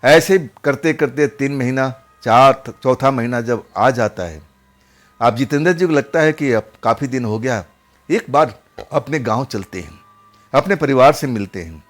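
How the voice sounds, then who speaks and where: A man's voice: mid-range voice, expressive, measured pace, soft background music. A man narrating a horror story in a casual, conversational way, often repeating his phrases.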